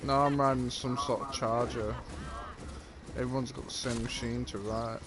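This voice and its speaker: A man's voice: medium pitch, fairly even intonation, moderate pace. A man, laid-back and swearing freely while playing a racing game with a friend. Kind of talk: casual chat over gameplay.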